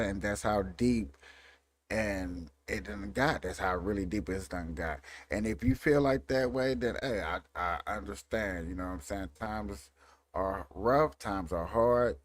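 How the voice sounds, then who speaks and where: Low-voiced man rambling over clips. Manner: rambling, repeats himself. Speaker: vlog host. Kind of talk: casual commentary.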